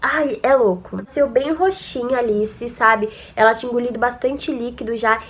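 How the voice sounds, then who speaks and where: High-voiced Brazilian young woman vlogging. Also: moderate pace, a bit bright, slight background noise. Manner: chatty and emotional, often addressing viewers as "gente". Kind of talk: casual personal storytelling to camera.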